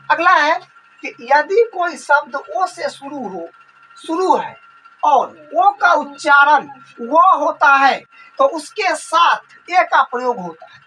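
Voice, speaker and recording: Slow bright-voiced woman teacher. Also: high-pitched, distant mic, slight background noise, low-quality recording. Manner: slow, repetitive explaining. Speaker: English grammar teacher. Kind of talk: grammar lesson explanation.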